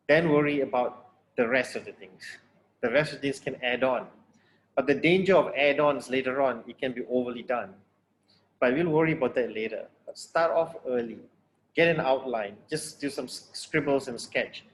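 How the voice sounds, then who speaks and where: A man lecturing to students on a video call, speaking plainly and bluntly, often stopping to restart his phrases. His voice sits at an ordinary middle pitch. A faint hiss runs under the recording. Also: poor audio. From Malaysia. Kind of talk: online tutorial lecture.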